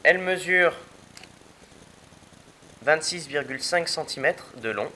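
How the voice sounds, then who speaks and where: A young man talks through a product review in a casual, halting way, filling gaps with little hesitations and restarting his sentences. His voice is bright and fairly high for a man. A faint hum of room noise sits behind him. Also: lively intonation, poor audio. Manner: hesitant, many fillers and restarts.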